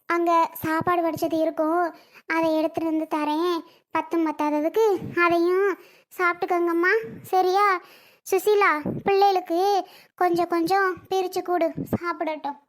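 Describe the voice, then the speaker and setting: A woman playing a caring older grandmother who coaxes her grandchildren to eat in a family drama. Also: very high voice. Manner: tender, coaxing.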